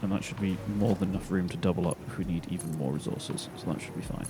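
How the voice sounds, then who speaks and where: A man's voice: sits low, fast talker. A man chatting playfully while playing a building game with a friend. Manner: chatty, playful, self-mocking. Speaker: co-host and player. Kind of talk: casual gameplay chat. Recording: noisy background.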